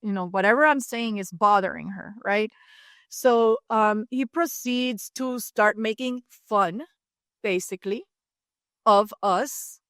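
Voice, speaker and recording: A woman in her fifties from Cuba, telling a personal story as a podcast guest with animated asides. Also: medium pitch, takes it slowly, dry recording, studio quality. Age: 50s. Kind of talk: storytelling in an interview.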